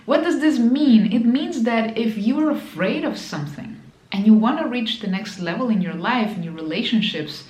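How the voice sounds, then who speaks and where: Speaking to camera with a Spanish accent, a native Spanish-speaking business mentor delivers an emphatic motivational talk. She repeats key phrases and speaks right to the viewer. Her voice is a little high, expressive and a little mellow, at a moderate pace, in a roomy-sounding space.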